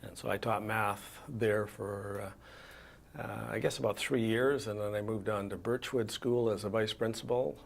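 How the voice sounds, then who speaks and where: An older man from Saskatchewan, a retired school principal, answering interview questions in a calm, measured, matter-of-fact way. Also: fairly low pitch, gravelly.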